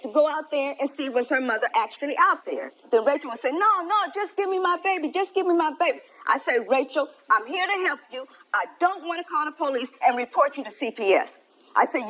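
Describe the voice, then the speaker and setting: An American woman testifies in a TV courtroom in a high, very animated voice. She tells her complaint with a plaintive, aggrieved air, slipping into the reported dialogue as she goes.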